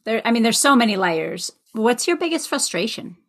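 A woman's voice: a little high, very animated, normal speed. A woman interviewer asking questions in a playful, casual way.

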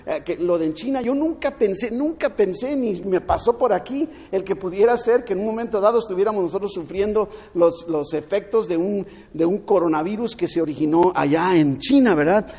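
A man's voice: high voice, fairly quick, few pauses, darkish tone, breathy edge. A man preaching a sermon as pastor, earnest, often repeating words and restarting. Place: at home, streamed during lockdown. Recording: long hall reverb.

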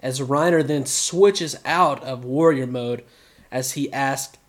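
A man co-hosting a podcast, chatting casually through an episode recap with animated, joking asides. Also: medium pitch, slow pace. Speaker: podcast co-host.

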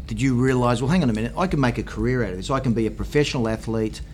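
Male podcast host, middle-aged, Australian accent, average pitch, brisk and wordy interviewing. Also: darkish tone, a little hiss or hum. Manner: wordy, repeats and rephrases. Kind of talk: conversational interviewing.

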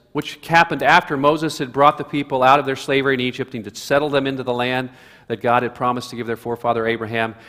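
A man's voice: on the high side, a bit bright. A man preaching a sermon, earnestly explaining scripture and reading passages aloud with rising emphasis. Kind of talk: sermon on a psalm. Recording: long hall reverb.

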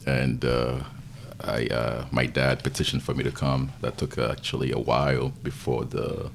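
Very deep gravelly Haitian-accented man. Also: flat delivery, slight background noise. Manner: thoughtful, halting, with many fillers. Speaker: podcast guest. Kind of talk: casual interview.

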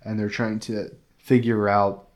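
A man with a fairly low voice co-hosts a gaming podcast, reviewing a game in loose, casual chat. He rambles eagerly, stacking up filler words as he gets excited. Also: unhurried. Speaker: podcast co-host.

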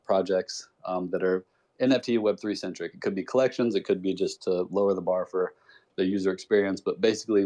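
A man speaking as a guest in a casual interview, relaxed and rambling, with many filler words. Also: deep voice. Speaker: guest, project cofounder.

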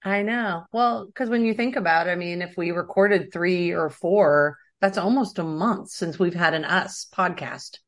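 A woman's voice: fairly low pitch, unhurried, few pauses. A woman in her thirties co-hosting a podcast, chatting casually with lots of fillers and laughter. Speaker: podcast co-host. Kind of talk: casual chat.

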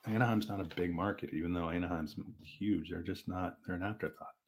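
A man co-hosting a podcast, chatting casually about sports with lively restarts. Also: sits low, slight background noise. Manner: animated, fast back-and-forth with restarts. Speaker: podcast co-host.

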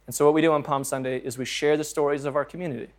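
A male pastor with a fairly high, steady voice races through an earnest, conversational sermon, shifting between scripture reading and plain talk to the congregation while poking fun at his own stumbles.

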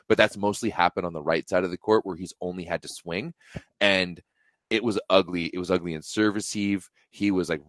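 Animated low-voiced man chatting sports. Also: no echo, clean studio sound. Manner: animated, rambling with many fillers and restarts. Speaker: podcast co-host. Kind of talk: casual sports chat.

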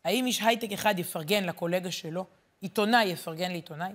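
A woman who teaches and works as a journalist, giving a lively, emphatic Torah lesson and repeating words as she searches for them. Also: fairly low pitch.

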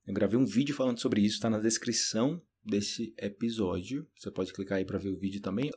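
Hosting a relaxed solo podcast that teaches Portuguese, this man from Brazil speaks with a Brazilian Portuguese accent and a fairly low voice. He keeps things conversational, peppered with tag questions, and his voice jumps up animatedly whenever he imitates someone's words.

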